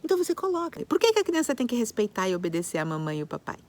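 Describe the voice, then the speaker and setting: A woman's voice: on the high side, very animated, very fast, a little mellow. A woman psychologist giving parenting advice, talking expressively and acting out little scenes as she goes. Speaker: child psychologist.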